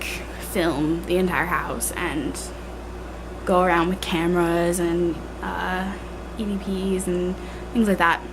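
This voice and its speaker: Filming herself at arm's length with a handheld camera, a young vlogger rambles casually indoors at home. She sounds congested and tired, her voice on the low side, and she's chatty and self-deprecating, leaning heavily on "like" and "um." Noise sits in the background.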